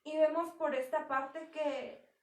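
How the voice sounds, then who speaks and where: A woman's voice: high voice, steady tone, slow. A young woman preaching a sermon in a conversational way, acting out quotes as she speaks. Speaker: church speaker. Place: church hall. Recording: echoey hall from far off.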